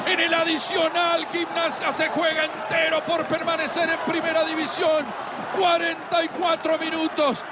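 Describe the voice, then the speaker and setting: An Argentine man giving breakneck football goal commentary, impassioned and shouting, with drawn-out calls and repeated phrases. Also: very high-pitched. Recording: loud stadium crowd roar, noisy broadcast. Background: roaring football crowd.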